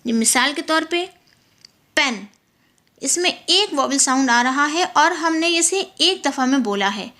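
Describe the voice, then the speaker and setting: A woman teaching a lesson on English poetry, explaining in Urdu-Hindi and reading the English text slowly and carefully. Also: high voice, lively intonation, bright, forceful tone. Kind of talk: lecture.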